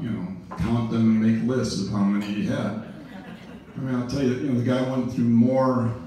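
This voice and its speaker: A man's voice: mid-range voice, dark tone. A middle-aged man giving an informal memorial speech, rambling with many fillers and wry jokes. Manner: rambling, full of "you know", wry jokes. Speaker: eulogy speaker. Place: large event room. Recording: very echoey room, distant mic.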